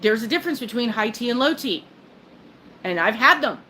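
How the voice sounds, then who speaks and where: A woman's voice: fairly high pitch, lively intonation, a little fast, bright, forceful tone, slight background noise, rough recording. An older woman hosting a casual livestream chat, rambling along with lots of fillers, restarts and little laughs. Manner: rambling, chatty, self-interrupting with fillers and laughs. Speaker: livestream host. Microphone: phone.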